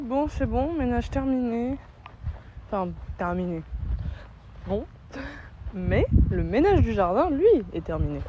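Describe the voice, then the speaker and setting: A woman's voice: a little high, noisy background. A young woman chatting casually and playfully to her viewers in a vlog, filmed on a handheld phone. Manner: chatty, slangy and playful, asks viewers' opinions. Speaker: vlogger. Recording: dull lo-fi phone audio with music behind.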